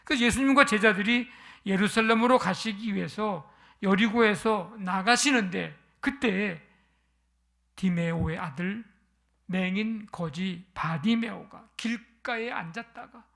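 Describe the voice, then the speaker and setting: Pastor, Sunday sermon: mid-pitched, gravelly, storytelling with rhetorical questions. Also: unhurried, fairly bright tone.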